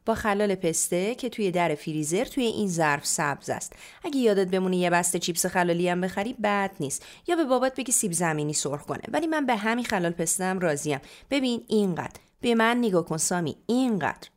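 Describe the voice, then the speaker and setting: Woman doing a shrill, nagging mother. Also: expressive, lightly acted. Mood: scolding. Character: scolding, short-tempered middle-aged mother.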